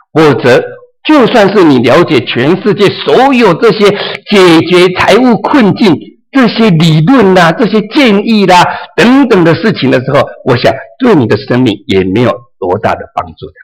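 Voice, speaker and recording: A man preaching with a lively, swooping delivery. His voice sits a little high and carries a husky edge. He acts out the dialogue of a parable as he speaks. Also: rough recording. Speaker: pastor. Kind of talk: sermon.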